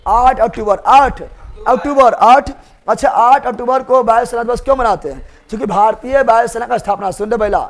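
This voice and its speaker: A man's voice: very high voice, fairly quick. A man teaching a general knowledge revision class, drilling students with call-and-response and teasing them in colloquial speech.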